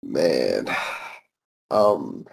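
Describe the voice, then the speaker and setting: A man's voice: extremely low pitch, very animated, drawn-out words, vocal fry, a little mellow. A young man hosting a podcast, chatting casually and laid-back with heavy slang. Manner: laid-back slangy, says bro a lot. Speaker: podcast host. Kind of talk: casual chat.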